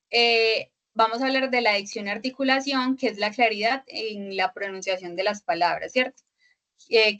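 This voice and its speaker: An online class lecture comes over a video call from a woman instructor whose voice is medium-pitched and sharp. She explains step by step, using many fillers and frequently checking for agreement.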